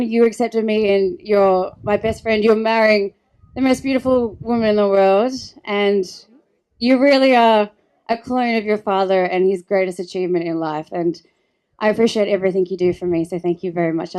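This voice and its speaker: A woman in her thirties giving a heartfelt, tearful wedding speech, halting and restarting as she speaks. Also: mid-range voice, a little mellow, clear, resonant tone. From Australia. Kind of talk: emotional wedding thank-you speech.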